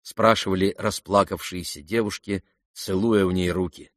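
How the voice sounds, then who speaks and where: A man's voice: low-pitched, steady tone, normal speed, a bit bright, dry recording, clean studio sound. A man narrating a classic novel as an audiobook, reading expressively and rising with the action. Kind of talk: scripted literary narration.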